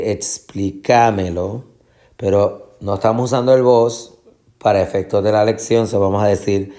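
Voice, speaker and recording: Guy teaching spanish, lowish voice, patient, keeps repeating words slow to show the stress, drops english fillers. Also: dark tone. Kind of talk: classroom lesson.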